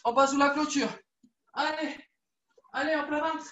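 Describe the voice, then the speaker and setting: A woman with a high voice leads a children's judo class, coaxing and lively as she repeats every instruction. She sounds echoey and far from the mic, as if filmed across a room. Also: moderate pace, muffled recording, a little hiss or hum. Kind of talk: live online kids' class, story-led exercises.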